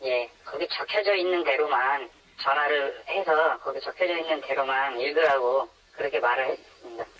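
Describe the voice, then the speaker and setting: A man's voice: medium pitch, normal speed, hardly any pauses, a bit bright. Disguised male voice on a dull phone line. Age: 20s. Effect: electronically disguised voice for anonymity. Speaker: anonymous interviewee. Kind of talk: phone interview, recounting experience.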